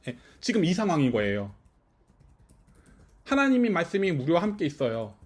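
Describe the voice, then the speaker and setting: A man's voice: on the high side, wildly swooping pitch, normal speed, breathy edge. A man preaching as pastor at a small house-church service, talking it through with the listeners and often checking that they follow. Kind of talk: conversational sermon.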